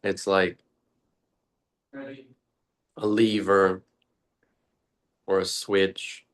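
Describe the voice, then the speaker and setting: A man teaching a guided meditation speaks deliberately in short, halting phrases separated by long pauses. His voice sits low and keeps a level tone.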